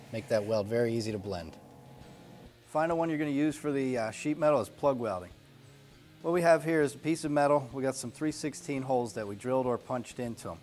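Here a welding lesson is given as an instructional demonstration by a man in his forties, who explains every step practically and plainly in an indoor workshop garage studio. His voice is mid-range and a little mellow.

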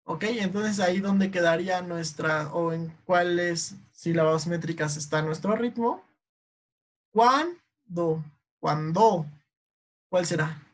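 A Mexican woman teaching an online class, explaining poetry meter slowly and patiently, and often checking in with a quick "ok?" as she goes. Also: lowish voice.

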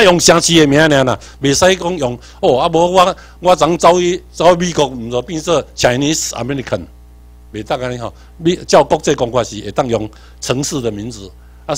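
A man from Tainan with a Taiwanese accent, giving an animated workshop lecture, quizzing the audience and swinging between emphatic and muttered asides. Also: medium pitch. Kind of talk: seminar lecture mixing Hokkien and English terms.

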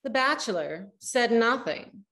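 Woman narrator, lively, fairly high voice, read-aloud storytelling. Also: measured pace.

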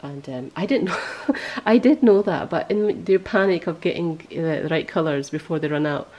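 A woman chatting casually as a podcast host, her voice slightly hoarse and husky. She talks in a low, mellow register. She rambles along and often corrects herself mid-sentence. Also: animated, moderate pace, low-quality recording. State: voice going hoarse.

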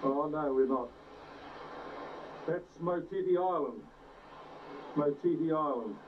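Male home-video narrator, tinny, hissy old VHS tape, a bit high and off-mic, tour-guide manner. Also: distant mic. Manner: unhurried, pointing out sights like a tour guide. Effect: old VHS tape sound.

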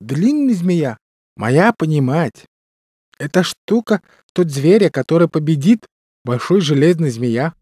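A man's voice: fairly high pitch, big pitch swings, a little slow, mellow, husky, no echo, clean studio sound, heavily acted. A man playing a naive Chukchi tundra native in a cartoon game, speaking broken, lisping Russian with a mock Chukchi accent. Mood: earnest. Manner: broken pidgin Russian with lisped sibilants.

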